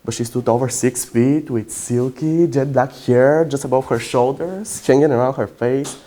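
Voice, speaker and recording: A brash young womanizer spins a story on himself, performed by a young man whose first language is Bulgarian. The tone is dark and mellow, with dramatic swells and sudden loud bursts. It is delivered as a competitive prose interpretation. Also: medium pitch, natural voice. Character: brash self-mocking young male womanizer.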